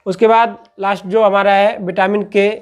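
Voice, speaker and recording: A man's voice: high voice, flat delivery, moderate pace, smooth. A man teaching a class, who poses questions, answers them himself and keeps checking in with "okay" after each point. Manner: patient, repetitive explaining. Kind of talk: classroom-style lecture.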